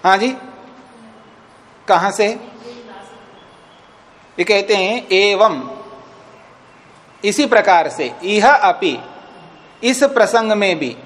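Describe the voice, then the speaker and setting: A swami leads a class at a retreat, lecturing on a scripture text by reciting Sanskrit lines and unpacking each phrase while making sure his students keep up. He speaks very slowly with long pauses, his high voice fairly bright and lively in intonation.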